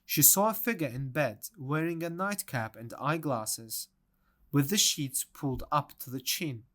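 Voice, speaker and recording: A man's voice: fairly high pitch, expressive, a bit bright. A man narrating a children's storybook aloud. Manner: slow, deliberate storytelling.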